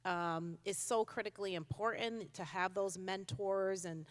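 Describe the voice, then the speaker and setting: A woman's voice: mid-range voice, steady tone, unhurried. A woman in her fifties from Connecticut, giving a conversational speech at a conference with frequent ums. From Connecticut, USA. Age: 50s. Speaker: keynote speaker, child welfare commissioner. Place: large conference hall with audience. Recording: long hall reverb.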